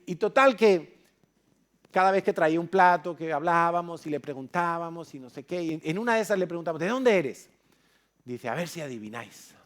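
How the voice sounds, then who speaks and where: A man from Spain preaching in church, telling a story with acted-out dialogue. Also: on the high side. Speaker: pastor. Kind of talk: sermon.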